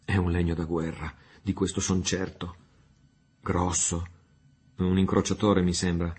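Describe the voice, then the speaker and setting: A man's voice: low voice, level tone, measured pace, a little mellow, a little hiss or hum. A man voicing a bold, fierce pirate captain who speaks in a commanding, urgent way. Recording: faint music underneath.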